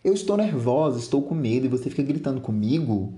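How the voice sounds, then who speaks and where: A man's voice: mid-range voice, moderate pace, dark tone, natural voice. A man voicing an anxious, tearful teenage girl who pleads and apologizes. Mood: tearful pleading.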